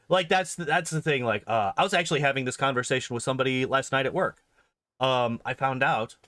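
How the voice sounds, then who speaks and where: A man's mid-range voice, pushed and bright, rambles casually through a livestream, repeating phrases emphatically to press his points. He's a game streamer and video host, recorded at studio quality with no room sound.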